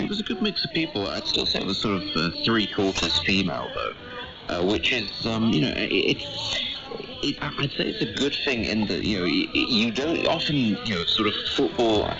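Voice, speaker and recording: Casting: male pundit, low register, careful and qualifying, dull video-call sound with voices behind. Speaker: panel guest. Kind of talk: conversational panel commentary.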